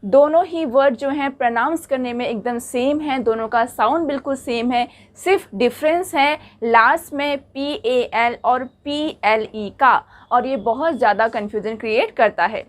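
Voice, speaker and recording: A woman's voice: fairly high pitch, normal speed, hardly any pauses. A woman teaching English vocabulary, spelling out words letter by letter and switching between English and Hindi. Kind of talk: bilingual vocabulary lesson.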